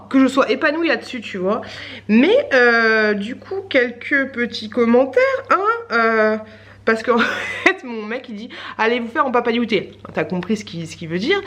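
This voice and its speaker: A woman vlogger in her thirties, chatting casually to camera in a rambling way with lots of fillers and little laughs. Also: on the high side.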